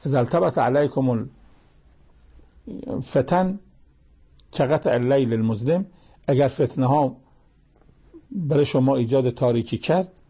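Man, preacher, sermon, raspy fry in the voice, warm dark tone, rhetorical questions, recites scripture. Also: medium pitch. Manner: quotes Arabic verses and asks pointed rhetorical questions.

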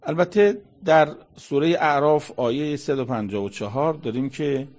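Male preacher, slightly raspy tone, relaxed explanatory delivery, breaks into quoted Arabic scripture. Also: fairly high pitch. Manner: colloquial explaining, quoting Arabic verses. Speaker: Quran commentator. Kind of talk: conversational religious lecture.

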